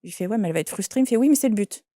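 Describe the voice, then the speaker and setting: Woman telling a story, mellow. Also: mid-range voice, rapid-fire, no room sound, clean studio sound. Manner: lively anecdote telling, quoting voices. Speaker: shaman and medium. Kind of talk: interview storytelling.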